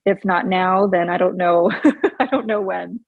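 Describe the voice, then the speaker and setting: A woman's voice: on the low side, measured pace, gravelly, dry recording, narrow, tinny audio. A woman in her forties from Hawaii, a podcast guest telling her story in an earnest, upbeat way with frequent laughs. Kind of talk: casual interview chat.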